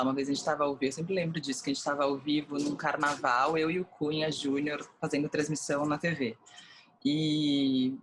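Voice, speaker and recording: A woman's voice: low-pitched, a little hiss or hum. A Brazilian woman, a TV presenter, chatting as an interview guest and acting out quoted lines as she tells her stories. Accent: Brazilian Portuguese. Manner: animated storyteller acting out quotes. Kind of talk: casual interview chat.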